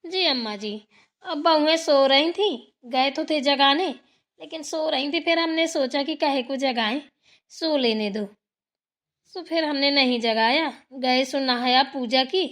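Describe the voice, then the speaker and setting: Dutiful cartoon bahu voiced by a woman, soft-spoken and meek. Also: high-pitched, measured pace. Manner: meek, respectful, explanatory. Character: dutiful soft-spoken elder daughter-in-law.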